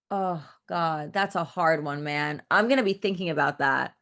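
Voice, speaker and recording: This director, a woman in her thirties, is a guest in a casual interview, speaking in a loose, rambling way with plenty of "like," frequent restarts and frank swearing. Her voice is low-pitched yet a bit bright.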